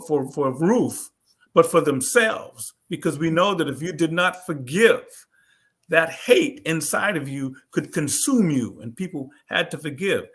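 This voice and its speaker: A man's voice: fairly high pitch, fairly bright tone. A man, an author, speaking thoughtfully in a panel discussion, often restarting his sentences. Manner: thoughtful, with many restarts and fillers.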